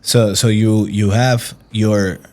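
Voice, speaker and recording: A man's voice: fairly low pitch, little pitch movement, takes it slowly, warm tone. A man hosting an interview, encouraging and conversational, often rephrasing his questions. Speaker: interviewer, host.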